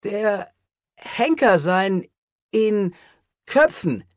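A narrator voicing a confused young man who speaks in halting, strained bursts, in an audiobook reading. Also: mid-range voice, very animated, no room sound, studio quality, voice pushed up. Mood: dazed.

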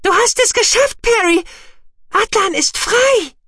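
A man voicing an excitable small male mouse-beaver alien in a very high, squeaky voice for an audiobook. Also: unhurried, no room sound, clean studio sound, heavily acted. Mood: jubilant. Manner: eager, loud, jubilant. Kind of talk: audiobook reading.

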